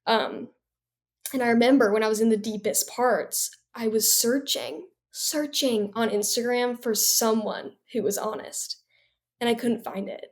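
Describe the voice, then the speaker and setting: A young adult woman, a guest on an interview show, telling her story in a bright, bubbly, chatty way full of fillers. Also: on the high side, unhurried.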